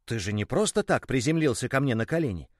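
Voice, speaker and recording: A man voicing a calm young boy who longs for a friend. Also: mid-range voice, fast talker, dry recording, clean studio sound. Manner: calm, growing excited.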